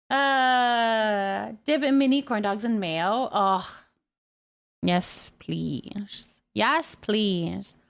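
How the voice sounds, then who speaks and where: Speaking extremely slowly with vocal fry, a Canadian woman with a mid-range voice hosts a livestream. She chats casually and playfully, reading and answering viewers' comments.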